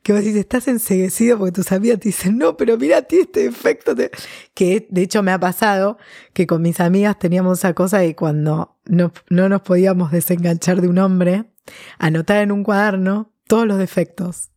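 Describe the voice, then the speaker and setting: A woman in her thirties with a Rioplatense Spanish accent, telling personal stories in a casual, animated way during an interview. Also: mid-range voice, a little fast, no echo, clean studio sound. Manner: chatty, animated storytelling with laughs.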